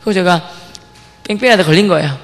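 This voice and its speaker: A young man giving a lively church testimony, acting out the lines he quotes and firing questions at the congregation. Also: sits high, fast talker. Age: young adult. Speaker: testimony speaker at a church service. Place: church sanctuary. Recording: long hall reverb from the church.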